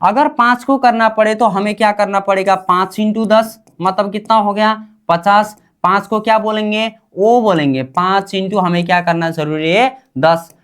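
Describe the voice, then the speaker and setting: A woman's voice: medium pitch, normal speed, few pauses, smooth. A woman teaching a language class, drilling her students with repeated questions and call-and-response.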